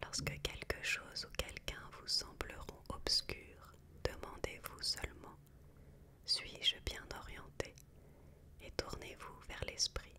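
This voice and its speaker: Someone reading a book aloud for ASMR in a soft, hushed library whisper, measured and with pauses.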